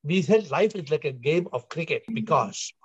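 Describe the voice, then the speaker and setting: A man's voice: a little high, lively intonation, normal speed, husky, no echo. A man, giving a spiritual discourse on a video call, emphatic and repeating phrases. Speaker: spiritual teacher leading an online discussion. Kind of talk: spiritual discourse with questions to listeners. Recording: slightly dull video-call audio.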